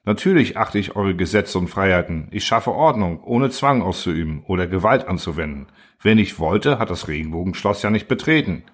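Husky low-voiced lecturing machine ruler, read by a man, calm and condescending. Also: normal speed. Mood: cold. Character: cold, lecturing order-obsessed machine ruler.

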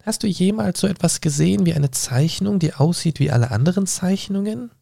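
A man voicing a sleepy little dormouse with a hoarse, feeble voice. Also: high voice, lively intonation, brisk, warm tone, dry recording, studio quality, voice pushed up, full character voice. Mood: drowsy.

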